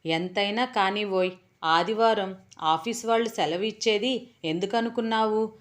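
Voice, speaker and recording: Storybook husband: lazy, easygoing young man, relaxed teasing replies, read by a woman. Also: mid-range voice, moderate pace, lightly acted.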